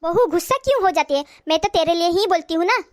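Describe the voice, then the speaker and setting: A woman voicing a caring, worried middle-aged mother-in-law who gives gentle advice. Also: very high-pitched, animated, quick pace. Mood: advising. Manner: gentle advising.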